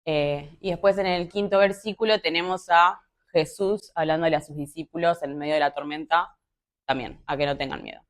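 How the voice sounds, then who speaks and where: A woman's voice: sits low, steady tone, normal speed. Young Rioplatense woman preaching casually. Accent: Rioplatense Spanish. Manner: conversational, with many fillers and asides. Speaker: youth preacher. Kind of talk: casual sermon.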